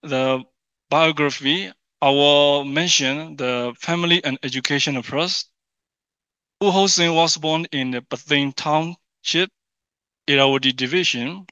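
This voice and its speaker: Male conference presenter, Burmese accent, clear ringing tone, halting delivery with repeats, recorded dull in an echoey room. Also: fairly high pitch, pushed and bright. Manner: halting, repeats and rephrases phrases. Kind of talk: formal paper presentation in non-native English.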